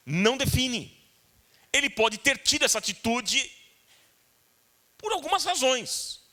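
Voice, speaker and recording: A man's voice: very high voice, sing-song, measured pace, pushed and bright. A man with a Brazilian Portuguese accent preaching a sermon as pastor, earnest and repetitive, speaking directly to his congregation in church.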